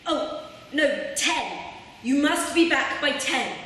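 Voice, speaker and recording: Woman as a kindly fairy godmother in a panto, slow and swoopy, echoey hall, far from mic. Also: sits high, animated, a bit bright, full character voice. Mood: cautioning. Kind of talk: theatrical stage pantomime, partly rhyming. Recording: distant mic in echoey hall, faint noise.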